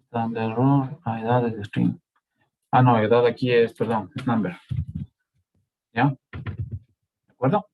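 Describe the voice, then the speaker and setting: A university lecturer with an Ecuadorian Spanish accent teaches a live coding lesson at a slow pace. His mid-range voice has a steady tone and phone-quality sound, and he often stops to check whether students are following with "¿sí?" and "¿de acuerdo?".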